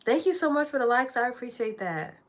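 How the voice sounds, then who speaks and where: A woman in her thirties hosting a casual live stream, greeting viewers, reading out their comments and clearing her throat often. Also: on the high side, animated, a little fast. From California. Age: 30s.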